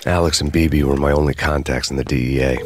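Max Payne, very deep brooding detective. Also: male voice, quick pace, background noise. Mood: brooding, grim. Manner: deadpan, brooding. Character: world-weary undercover detective narrating his grim noir story. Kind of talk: hard-boiled scripted narration.

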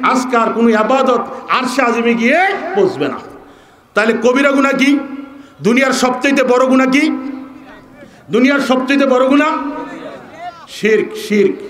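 A Bangladeshi man with a Bengali accent preaching a sermon to a large gathering, firing rhetorical questions at the crowd and often shouting. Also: very high voice. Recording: echoey public-address sound.

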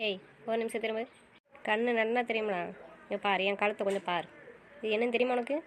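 A woman's voice: a little high, fairly even intonation, quick pace, natural voice. A young woman acting a jealous wife who scolds and threatens sharply in an amateur drama. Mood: threatening. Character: fierce jealous young wife, quick to rage.

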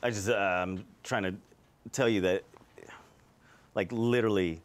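A man's voice: on the low side, steady tone, measured pace, close to an everyday voice. A man playing a frustrated actor who pushes his agent for new kinds of roles, talking earnestly and with growing exasperation.

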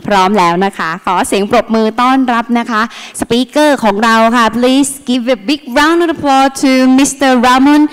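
A woman's voice: high-pitched, very fast, few pauses, clean tone. A woman host introducing a speaker on a theatre stage with a handheld mic. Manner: announcing, bilingual. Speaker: event host. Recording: long hall reverb.

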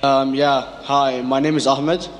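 A man's voice: medium pitch, level tone, slow, faint music behind. Hesitant man asking from an audience. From Iraq. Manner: hesitant, many fillers. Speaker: audience questioner. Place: lecture hall audience.

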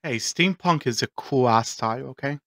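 A man's voice: medium pitch, normal speed, fairly bright tone, no echo. A man doing casual, slangy gameplay commentary, talking to the characters on a close microphone. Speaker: gaming streamer.

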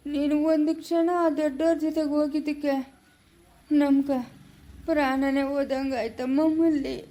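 A woman's voice: sits high, little pitch movement, warm tone, close to an everyday voice. A woman playing a tearful village mother. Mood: remorseful. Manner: tearful, pleading, slow when grieving. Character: grieving older village mother, tearful and remorseful. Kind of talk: family short drama acting.

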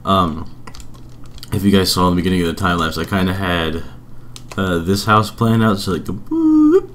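A young man giving casual, rambling game build commentary in a subdued voice, keeping quiet at night. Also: low-pitched, steady tone, moderate pace, a little hiss or hum. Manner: rambling, informal. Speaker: video creator.

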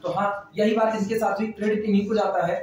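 A man's voice: high-pitched, steady tone, brisk, darkish tone, slight background noise. A man teaching math in a classroom, chatting and repeating phrases as he dictates notes. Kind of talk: classroom lecture. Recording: echoey room, mic far off.

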